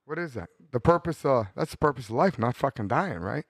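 A man's voice: mid-range voice, expressive, brisk, no echo, clean studio sound. A man in his thirties hosting a podcast, chatting casually in a rambling, profane way and laughing often. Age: 30s. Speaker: podcast host. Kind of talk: casual chat.

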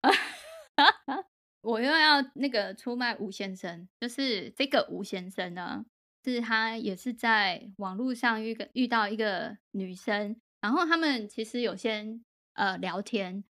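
A woman co-hosting a podcast, telling a friend's story in animated, casual chat with English words mixed in. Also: medium pitch. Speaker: podcast co-host.

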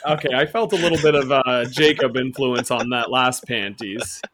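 A man hosting a casual podcast chat, teasing his guests with quick laughs. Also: mid-range voice, background noise. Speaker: podcast host.

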